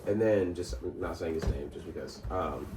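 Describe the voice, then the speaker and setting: A man's voice: sits low, moderate pace, recorded from a distance, over music. A man co-hosting a casual podcast, telling a story with lots of fillers, restarts and laughter. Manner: rambling, laughs often, many fillers and restarts. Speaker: podcast co-host. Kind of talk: casual chat. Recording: roomy sound from off-mic, faint noise.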